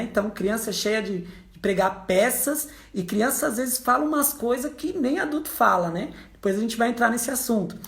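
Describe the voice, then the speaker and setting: Brazilian woman psychologist, fairly high voice, animated storyteller, roomy echo. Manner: lively storyteller who acts out quoted voices. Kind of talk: casual explanatory talk to viewers.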